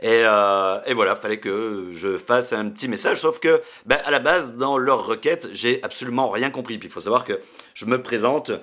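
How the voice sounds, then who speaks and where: A man's voice: medium pitch, normal speed, a bit bright. A man from France talks casually to camera in a vlog, chatty and stumbling, repeating words between many fillers. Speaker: YouTuber.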